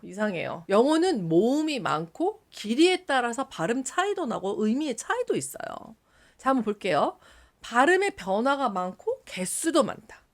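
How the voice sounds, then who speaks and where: A woman teaching an English lesson in a casual video, lively, switching between polite and casual speech and sounding out example words. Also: fairly high pitch.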